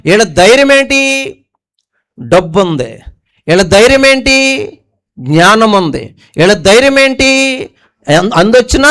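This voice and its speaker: A male pastor delivers a sermon in a high, smooth, resonant voice. He keeps throwing questions at the congregation and drops from forceful emphatic lines to quiet, low asides. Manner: preaching with call-and-response questions to the congregation.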